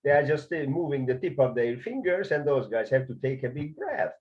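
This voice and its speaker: A conducting teacher with a Hungarian accent explains conducting in a video lesson. His mid-range voice is very animated and a little fast, yet he's hesitant, with many filler sounds and restarts. The recording has a dull lo-fi sound.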